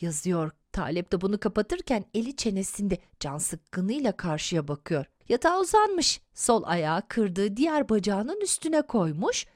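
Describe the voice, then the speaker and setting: A woman narrating a children's comic book, describing the pictures and the page layout in a measured, careful reading voice. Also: medium pitch, very animated, no echo, studio quality.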